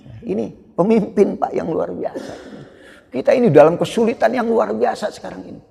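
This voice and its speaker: A man preaching in a mosque, telling the story with lively asides to the congregation. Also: high-pitched, fairly quick, vocal fry, breathy edge. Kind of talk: storytelling sermon. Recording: echoey mosque hall.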